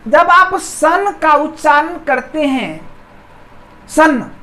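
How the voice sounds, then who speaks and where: A woman's voice: sits high, a bit bright, a little hiss or hum, low-quality recording. A woman teaching an English grammar lesson who repeats key words and keeps asking her viewers questions. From India. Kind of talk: explaining a lesson.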